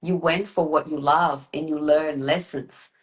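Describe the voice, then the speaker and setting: A woman trance channeling as a spiritual medium, giving formal, measured counsel and addressing her listener with solemn endearments. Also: sits low, steady tone. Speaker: trance channeler leading a session.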